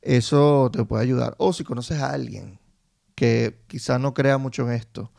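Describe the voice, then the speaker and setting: A man co-hosts a podcast with a calm, measured delivery. His voice is gravelly with a touch of fry, at an ordinary pitch. He fills pauses as he works through his advice. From Venezuela. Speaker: podcast co-host. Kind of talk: casual podcast chat.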